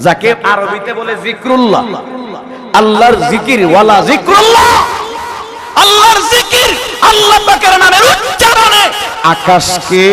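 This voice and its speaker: A man preaching a fiery sermon, swinging between shouted lines and low asides and quizzing his audience. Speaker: preacher at a religious gathering. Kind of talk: fiery sermon with chanted recitation. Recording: echoey PA sound in a big hall with crowd.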